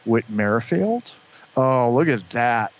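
A man's voice: medium pitch, expressive, slight background noise. A man hosting a live stream, casually chatting and naming each card as he opens packs. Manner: upbeat, names each card quickly with short reactions. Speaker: show host opening card packs. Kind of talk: casual chat, calling out cards.

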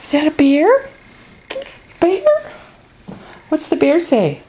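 A woman's voice: high voice, wildly swooping pitch, slow pace, warm tone, slight background noise. A young woman at home, using playful, coaxing baby talk with a toddler while filming on a handheld camcorder.

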